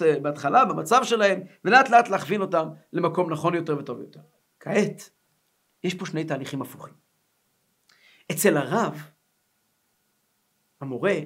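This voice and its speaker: A middle-aged man, a rabbi giving a Torah lesson, animated and acting out stories as he teaches. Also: high-pitched, vocal fry.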